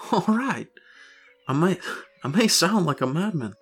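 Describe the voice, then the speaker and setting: A man playing a broke farmer husband in an audio story, excitable and rambling, full of grandiose schemes. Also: a little high, takes it slowly, breathy edge, soft background music, heavily acted. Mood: excited, insistent.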